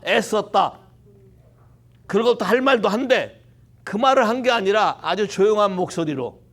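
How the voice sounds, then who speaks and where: High gravelly male preacher. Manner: animated, rhetorical questions, mixes in English phrases. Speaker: pastor. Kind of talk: sermon. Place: church.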